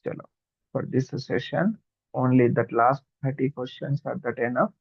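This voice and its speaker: A man's voice: medium pitch, steady tone, a little fast, creaky, breathy edge, no room sound, highs cut off. A man with a Telugu Indian accent, a native Telugu speaker, teaching chemistry exam questions informally in two mixed languages and often checking in with students.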